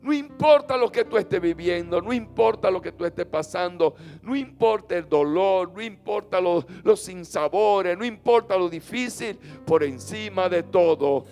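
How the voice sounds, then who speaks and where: A man preaching a sermon as pastor, leading call-and-response and swinging from loud chanted lines to soft low ones. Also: expressive, moderate pace, hardly any pauses. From Dominican Republic. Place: church sanctuary. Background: faint instrument music.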